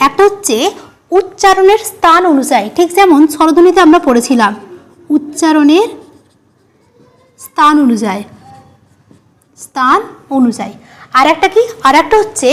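High-voiced woman teaching a lesson. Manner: asks a question, then answers it herself, repeating key terms. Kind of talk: classroom lesson at a board.

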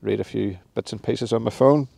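Man, fifties, gravelly low voice, casual outdoor vlog, phone at arm's length. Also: moderate pace, dark tone, no echo. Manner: chatty, laughs often, self-deprecating jokes. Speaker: outdoor vlogger. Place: mountain summit outdoors, windy. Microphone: phone camera held at arm's length.

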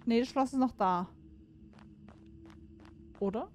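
A woman's voice: fairly high pitch, takes it slowly, a little mellow. A woman giving casual let's-play commentary on a horror game, chatting to herself and viewers, cursing and exclaiming when something startles her. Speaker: gaming streamer.

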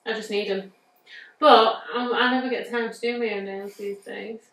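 A thirty-something woman from England with a northern English accent speaks at a moderate pace, her fairly high voice steady and a bit bright. As a nail artist, she walks through a design step by step in a chatty, easygoing way, thinking aloud in a bright indoor studio, heard through a distant mic with roomy acoustics.

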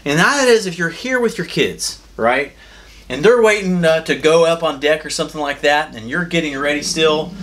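A man's voice: fairly high pitch, moderate pace, fairly bright tone. Upbeat man giving a cabin tour. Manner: upbeat, chatty, guiding the viewer around. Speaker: cruise vlog host. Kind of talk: walking room-tour vlog. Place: small ship cabin, indoors.

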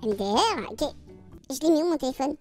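[name], a man voicing a squeaky cheeky cartoon frog. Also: lively intonation, fairly quick, over loud music. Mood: chatty. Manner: playful, teasing, chatty banter. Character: cheeky male cartoon frog on a tropical beach. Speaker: YouTuber trolling strangers on video chat. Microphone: video-call mic.

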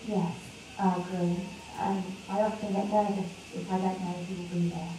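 A woman's voice: fairly low pitch, little pitch movement, normal speed, far from the mic, close to an everyday voice. A woman voicing a shy young virtual human who answers interview questions hesitantly in a research setting. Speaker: interviewee in a study. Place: research VR room. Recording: echoey room, heard from afar, noisy.

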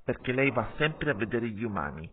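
A man's voice: medium pitch, very animated, fairly quick, lightly acted. A man voicing a nervous young wolf who tells on another, eager and defensive, in an audiobook with tinny sound. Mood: tattling.

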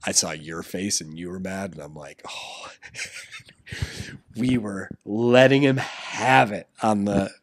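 A man's voice: on the low side, takes it slowly. A man in his thirties co-hosting a podcast, telling a family story in casual chat and acting out what people said. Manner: animated storyteller, acts out quotes. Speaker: podcast co-host.

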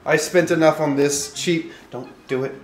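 A man with a nasal voice, chatting and joking casually while playing a party game, quick to swear and get excited. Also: a little high, a little hiss or hum. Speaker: gameplay video host. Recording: roomy with game music behind.

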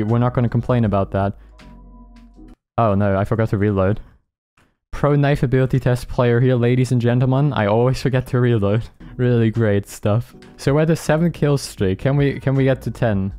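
A man talks through his gameplay in a relaxed, mellow voice, laughing often and poking fun at his own mistakes. He keeps apologizing to the players he beats. Quiet background music plays under his desk-mic commentary. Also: medium pitch, normal speed. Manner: laughing, apologetic, self-mocking. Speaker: gaming YouTuber.

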